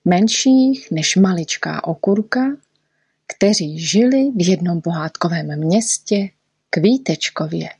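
Husky woman reading a storybook. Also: lowish voice, no room sound. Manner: gentle, expressive storytelling. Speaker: narrator.

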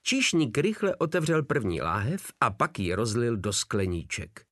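Lively male audiobook narrator. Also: mid-range voice, no echo, studio quality. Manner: vivid, lively storytelling.

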